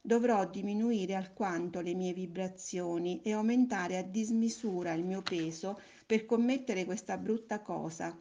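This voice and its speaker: A patient, kindly spirit explaining things gently in a storybook reading, voiced by a woman narrator. The tone is mellow and warm, calm and unhurried in its manner. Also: mid-range voice, lightly acted. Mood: gentle. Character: kind, patient friendly soul, a sexless spirit.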